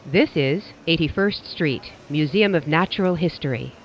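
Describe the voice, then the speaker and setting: A woman's voice: deep voice, moderate pace, a little hiss or hum. A woman announcing stops in scripted train messages, with names and phrases pieced together from separate recordings. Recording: dull, band-limited recording.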